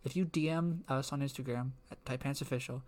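A man's voice: mid-range voice, steady tone, brisk, a little mellow. A young man co-hosting a casual podcast, rambling and filling his talk with "like" and frequent laughs. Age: young adult. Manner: rambling, fills with "like", laughs often. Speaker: podcast co-host.

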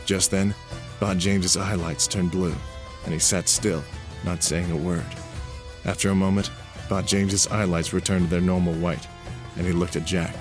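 A man narrating a storybook in a steady, even reading voice. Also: low-pitched, normal speed, music in the background.

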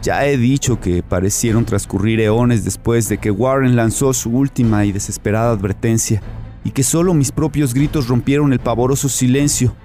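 An actor narrating as a haunted man recounting a horror, with grave, measured horror storytelling. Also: mid-range voice, warm tone, lightly acted. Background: music.

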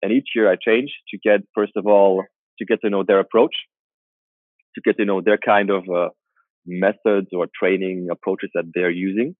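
A man who works as a strength coach, answering interview questions in a halting way and restarting his phrases often. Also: deep voice, fairly even intonation, no echo. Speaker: strength coach and personal trainer. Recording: tinny phone-like call line.

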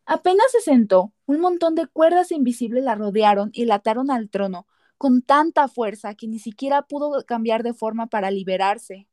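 A woman's voice: on the high side, normal speed, mellow, no echo, studio quality. A woman narrating a scripted story dramatically as a podcast narrator.

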